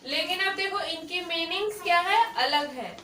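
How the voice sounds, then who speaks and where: High, bright-voiced woman teaching a class. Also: normal speed. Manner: patient, questioning, checks understanding often. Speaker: English teacher. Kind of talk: classroom lesson. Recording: echoey classroom, far from mic, faint noise.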